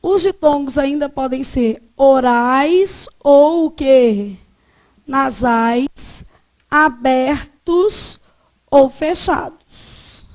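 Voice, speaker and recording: A woman's voice: high-pitched, darkish tone. A woman teaching a grammar lesson, asking the class questions and answering them herself.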